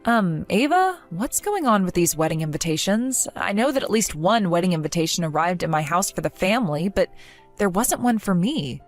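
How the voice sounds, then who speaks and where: A woman's voice: fairly low pitch, big pitch swings, normal speed, soft background music. A young woman voicing an earnest, hurt young woman pleading with a friend who turned on her.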